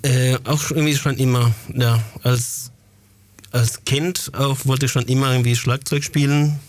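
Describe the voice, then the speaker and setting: A man's voice: medium pitch, steady tone, moderate pace, dry recording. A man from Chile, a drummer, speaking hesitantly with many fillers. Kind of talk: casual interview talk.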